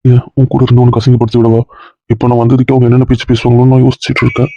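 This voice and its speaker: A man's voice: mid-range voice, completely flat delivery, mellow, no room sound, close to an everyday voice. A young man acting as a jilted, heartbroken man who complains bitterly about losing his future. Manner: gravelly, rushed, self-pitying complaints. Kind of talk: web series drama acting. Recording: dull, muffled dry audio.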